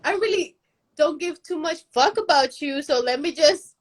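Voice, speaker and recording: A woman guest telling a story in casual chat over a video call, animated and full of "like" fillers. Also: high-pitched, normal speed, poor audio.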